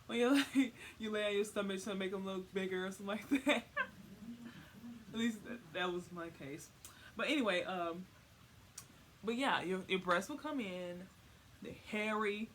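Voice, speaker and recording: Speaking in a mid-range, slightly bright voice at a moderate pace, this young adult vlogger rambles through a funny, slangy explainer. She repeats words for emphasis, and the home recording carries faint noise.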